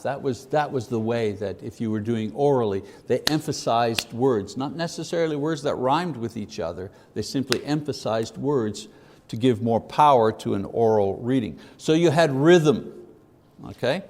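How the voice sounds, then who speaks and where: A man giving an informal Bible lesson, unhurried, often checking with listeners and filling pauses with "uh". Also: a little high. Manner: unhurried, asks listeners "okay?", fills gaps with "uh". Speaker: Bible teacher. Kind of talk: informal classroom lecture. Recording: long hall reverb.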